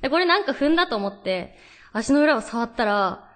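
Young female radio host, high voice with lively swoops, chatty storytelling delivery. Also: fairly quick. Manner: chatty storyteller, reads listener mail. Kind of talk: radio talk show chat.

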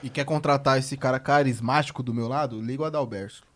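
A man's voice: medium pitch, fairly even intonation, fast talker. A man co-hosting a podcast, joking and loose, rattling off promos. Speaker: podcast co-host. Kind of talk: casual podcast chat.

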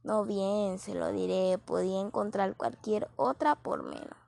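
A woman voicing a scheming middle-aged man who talks smoothly and persuasively in a read-aloud story. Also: medium pitch, fairly even intonation, unhurried, darkish tone, no room sound.

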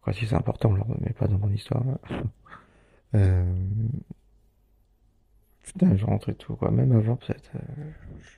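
A man's voice: on the low side, measured pace, creaky, pauses often, breathy edge, phone-quality sound. A man recording a casual audio diary from a hospital, rambling, swearing often and laughing as he talks. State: hospital patient. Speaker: podcast host.

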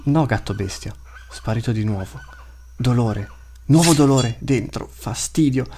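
A man's voice: mid-range voice, a little slow, a little mellow, a little hiss or hum, natural voice. A man voicing the inner thoughts of a huge, hungry male beast that talks in short, broken phrases. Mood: pained. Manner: terse broken inner monologue.

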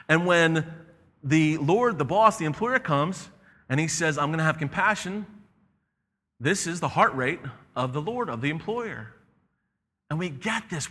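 A man preaching a sermon as pastor, animated and conversational, acting out the voices in the story he tells. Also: on the high side, big-room sound.

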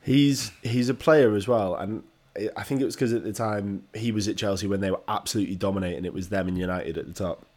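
A man's voice: fairly low pitch, fast talker, few pauses, a little mellow. A man, co-hosting a podcast in blunt, sweary casual chat. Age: late 20s. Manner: blunt, sweary, laughs easily. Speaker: podcast co-host.

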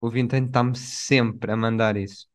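A young man chats as a podcast co-host. His voice has a medium male pitch, and his delivery is informal, full of slang and joking. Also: flat delivery, normal speed. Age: young adult. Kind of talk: casual chat.

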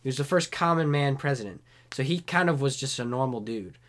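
A man's voice: medium pitch, animated, brisk. Young guy, casual podcast co-host, crude rambling banter. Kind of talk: casual chat.

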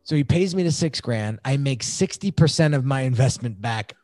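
A man talking as a podcast guest, telling his own story in an animated, excitable way. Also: medium pitch, moderate pace, no echo, clean studio sound, faint music behind. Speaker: podcast guest, design agency founder. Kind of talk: casual storytelling interview.

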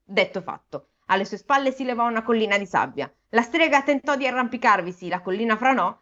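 A woman reading a folk tale aloud in an animated, amused way, chatting between passages. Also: fairly high pitch, brisk. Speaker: storyteller. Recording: dull lo-fi recording.

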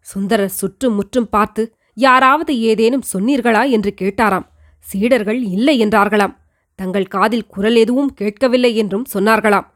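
Elderly pious queen mother, read by a woman for an audiobook. Slightly high voice, earnest and measured. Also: natural voice. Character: elderly devout queen mother confiding in her son. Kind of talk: audiobook reading of a historical novel.

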